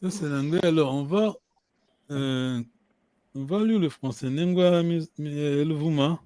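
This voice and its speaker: A man with a notably high voice leads a language lesson, hesitating and restarting his phrases and stopping often to ask whether everyone has understood. The sound is dry and close, with no room echo. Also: unhurried, warm tone. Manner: checks understanding with the class. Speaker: language teacher.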